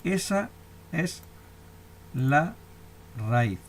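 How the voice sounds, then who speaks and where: A man's voice: a little high, big pitch swings, very slow, slight background noise. A man with a Spanish accent explaining a grammar lesson step by step, often asking if the class has understood. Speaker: teacher. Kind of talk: recorded lecture.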